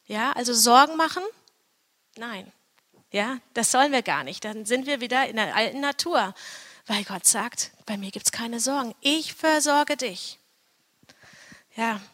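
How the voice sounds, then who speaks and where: A woman's voice: fairly high pitch, pushed and bright, in a large hall. A woman in her thirties gives an earnest, personal Bible teaching, often checking in with "ja?" as she talks.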